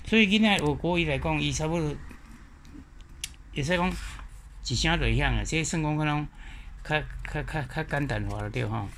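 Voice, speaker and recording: A man with a Taiwanese accent giving an explanatory lecture, slowly repeating example words one at a time. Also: fairly high pitch, fairly bright tone, slight background noise. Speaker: teacher.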